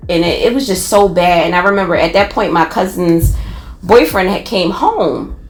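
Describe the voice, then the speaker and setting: A woman from Philadelphia with a Philadelphia accent, telling a personal story in a casual, animated way, with many restarts. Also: fairly low pitch, moderate pace, roomy sound.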